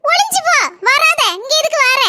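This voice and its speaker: A jealous young wife in a cartoon, played by a woman, sharp and complaining. Her voice is extremely high and bright, with a southern Tamil accent. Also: normal speed, no room sound, heavily acted.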